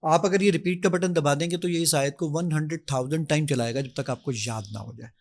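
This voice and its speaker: A man walks through his app on a podcast, eager and lively, voicing his own requests as he taps. His voice sits fairly high for a man. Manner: energetic, enthusiastic, acts out his own requests. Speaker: app founder giving a demonstration. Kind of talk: podcast guest demonstrating an app.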